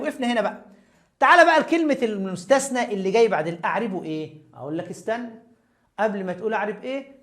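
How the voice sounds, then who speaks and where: A woman with an Egyptian accent, teaching an Arabic grammar lesson in a lively, coaxing way and talking straight to her students. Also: a little high. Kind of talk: casual explanatory lesson.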